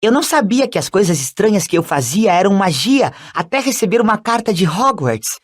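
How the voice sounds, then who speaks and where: Squeaky eager little schoolboy, gushing nonstop, audiobook voice. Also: male voice, sing-song. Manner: breathless, gushing, rapid questions. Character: eager excitable young schoolboy fan. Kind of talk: audiobook character voice.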